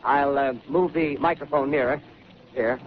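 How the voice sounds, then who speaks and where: An American man playing an excited radio reporter at a crash scene in 1930s radio drama style, with halting, stammering live description. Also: medium pitch, lightly acted. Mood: brisk, excited. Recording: noisy, dull 1938 radio broadcast recording.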